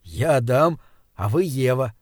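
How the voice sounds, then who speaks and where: A shy, earnest young artist, voiced by a male reader, pleading in a low, hushed tone. The recording is dry and close, with no room sound. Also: lively intonation, unhurried, no echo, lightly acted.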